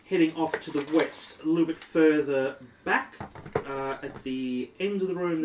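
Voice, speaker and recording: A man with an Australian accent narrating a tabletop game as dungeon master, descriptive with many ums. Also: a little high. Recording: echoey room, distant mic, faint noise.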